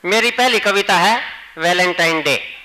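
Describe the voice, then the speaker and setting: A Haryanvi man performs comic verse with a high, bright voice. He trades joking asides with his listeners at a college poetry gathering. His delivery is chatty and rhythmic. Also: unhurried, a little hiss or hum, poor audio. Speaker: poet. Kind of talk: humorous poetry recital.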